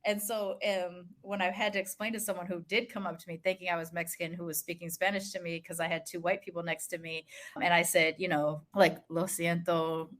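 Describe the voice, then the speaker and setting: A woman's voice: fairly low pitch, fairly quick. A woman from the United States hosting a podcast, telling stories in casual chat and laughing often. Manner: animated storytelling, laughs often. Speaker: podcast host.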